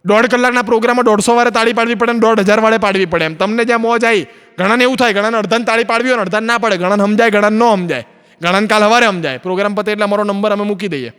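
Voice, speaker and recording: Fast-talking man doing stand-up. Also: high-pitched, a bit bright, clean tone. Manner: acts out both sides of dialogues in his stories. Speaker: stand-up comedian. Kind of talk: stand-up storytelling on stage. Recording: long hall reverb from an auditorium.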